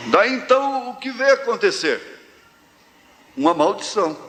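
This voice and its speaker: Brazilian male pastor, storytelling sermon, higher voice, reverberant hall, faint room noise. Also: very animated, fairly bright tone. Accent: Brazilian Portuguese, central-west. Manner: folksy storytelling preacher, drawn-out phrases. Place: large church hall. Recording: live church hall reverb, faint ambience.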